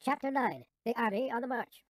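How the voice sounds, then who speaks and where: An audiobook narrator reads in a measured, formal manner, letting phrases fall at their ends. The voice is sped up into a helium-like chipmunk sound at medium pitch, with no echo.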